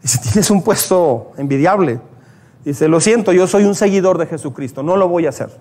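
A man preaches, and his voice sits unusually high for a man. He tells stories and slips into the prayers and cries of the people in them. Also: expressive, normal speed, darkish tone. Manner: storytelling preacher, acts out quoted prayers. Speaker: pastor. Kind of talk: sermon.

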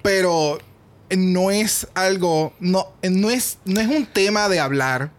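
A man co-hosting a podcast in casual chat, often chiming in to agree. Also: high-pitched. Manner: quick agreeing interjections. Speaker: podcast co-host.

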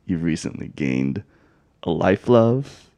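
A man hosting a podcast, asking slow, deliberate interview questions. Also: low-pitched, expressive, dark tone, no room sound. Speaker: podcast host.

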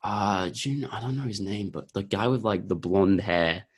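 Deep-voiced young man rambling casually. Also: moderate pace, husky. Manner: rambling, laid-back, heavy use of filler words. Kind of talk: casual chat about films.

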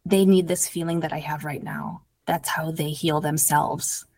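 A woman's voice: low voice, fairly even intonation, a little slow, a little mellow. A woman guest on a podcast interview, an addiction recovery coach telling her story earnestly and casually, with lots of "like". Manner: earnest, storytelling, heavy use of "like".

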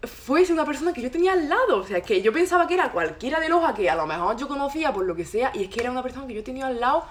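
Fast-talking young woman. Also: high-pitched, a little hiss or hum. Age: young adult. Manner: fast, lively, expressive storyteller. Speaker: podcast guest. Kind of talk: casual chat.

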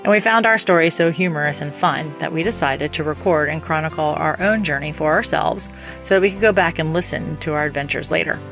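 A woman's voice: sits low, a little fast, fairly bright tone. A woman in her fifties co-hosting a podcast, reading a scripted intro in a playful way. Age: 50s. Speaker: podcast co-host. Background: guitar music.

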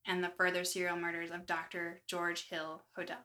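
A woman co-hosting a true-crime podcast, talking in a chatty, animated way with lots of asides. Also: on the low side, moderate pace. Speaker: podcast co-host. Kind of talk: casual true-crime chat.

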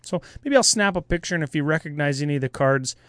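An easygoing man co-hosting a podcast in casual chat. His voice sits fairly high for a man, and he speaks steadily through the plans. The sound is dry and close. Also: animated, fast talker, fairly bright tone, dry recording. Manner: easygoing, runs the giveaway details. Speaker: podcast co-host.

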